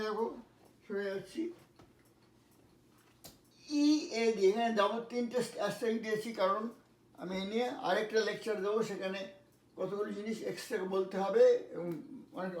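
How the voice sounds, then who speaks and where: High-voiced man teaching pronunciation in echoey room. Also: a little mellow, far from the mic. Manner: spells words letter by letter and repeats them slowly. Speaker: English teacher. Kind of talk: pronunciation lesson.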